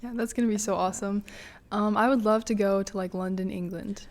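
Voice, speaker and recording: A woman's voice: mid-range voice, fairly even intonation, a little fast, a little mellow. Chatty giggly teenage girl. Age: teens. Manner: chatty, many likes, giggly. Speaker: podcast guest. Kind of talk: casual chat.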